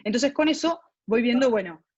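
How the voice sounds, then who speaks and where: A woman's voice: fairly high pitch, animated, normal speed, darkish tone, no echo. A woman giving a technical lecture, explaining step by step with frequent tag questions and fillers. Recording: dull dry online talk audio.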